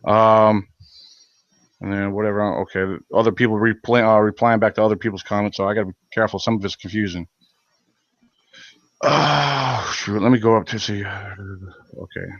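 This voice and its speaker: A man's voice: fairly low pitch, fairly even intonation, normal speed, creaky, long pauses, no room sound, highs cut off. Blunt, heated man on a live stream. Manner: blunt, heated, many fillers and restarts. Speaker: channel host reading live chat.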